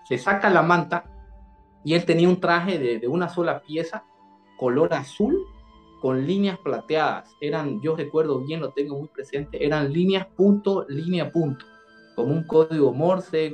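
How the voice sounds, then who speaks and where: A Bolivian-accented man with a somewhat high voice, recounting his own experience as an interview guest. He speaks earnestly and often repeats words and phrases. Faint music plays softly behind him. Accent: Bolivian Spanish. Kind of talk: first-person storytelling in an interview.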